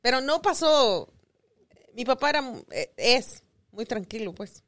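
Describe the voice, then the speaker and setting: A woman from Mexico telling a family story on a casual podcast. Her voice sits fairly high, and she circles back and corrects herself as she goes. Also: sing-song, unhurried, a bit bright. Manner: rambling, self-correcting storytelling. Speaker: podcast co-host.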